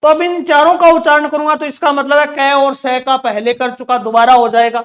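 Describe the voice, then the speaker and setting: A man's voice: very high-pitched, little pitch movement, a little fast, fairly bright tone. A man teaching an exam-prep grammar lesson, asking questions and answering them himself, repeating key words. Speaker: Hindi teacher.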